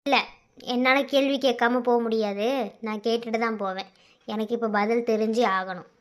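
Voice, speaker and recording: A woman's voice: fairly high pitch, steady tone, normal speed, lightly acted. A woman voicing a pleading young lover. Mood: insistent. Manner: urgent, insistent, pleading. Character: young man pleading with the girl he loves. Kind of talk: cartoon love-story voice acting.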